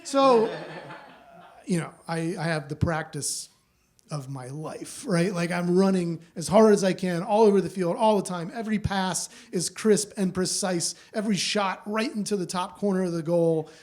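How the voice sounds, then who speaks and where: This host and storyteller has a high, slightly mellow voice and keeps a moderate pace. He chats loosely with plenty of fillers while hosting a live storytelling show, recorded onstage in a small theater.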